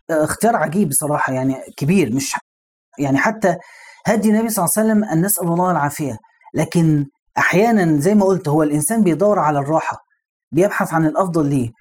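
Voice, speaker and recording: A man's voice: fairly high pitch, racing, a little mellow. A man with an Egyptian Arabic accent, preaching in a conversational storytelling lesson and putting rhetorical questions to the listener. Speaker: Islamic preacher.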